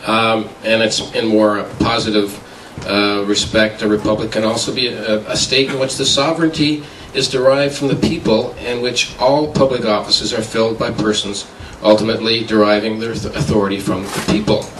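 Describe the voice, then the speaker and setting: A man getting over the flu, giving a halting debate speech full of filler sounds, picked up by a distant mic in an echoey hall. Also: lowish voice, fairly even intonation, a bit bright, a little hiss or hum. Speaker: debater for a republic.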